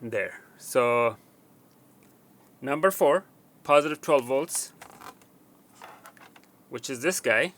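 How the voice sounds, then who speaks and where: A technician demonstrates wiring at an indoor workbench, speaking in an animated, medium-pitched voice that's bright and ringing. Working as he talks, he hesitates often with fillers and restarts, pointing to pins and counting them out loud in this hands-on instructional walkthrough.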